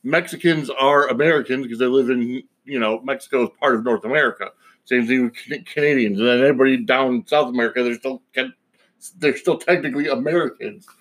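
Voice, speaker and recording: A man's voice: mid-range voice, fast, a bit bright, low-quality recording. A man hosting a podcast alone, giving a casual opinion monologue in a rambling, digressive way. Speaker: podcast host.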